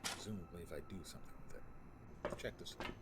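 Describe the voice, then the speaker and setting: A man's voice: low-pitched, fast talker, over loud music. A man giving casual video game commentary, thinking aloud and reading on-screen text, with muttered asides. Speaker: gamer playing and commenting on an RPG.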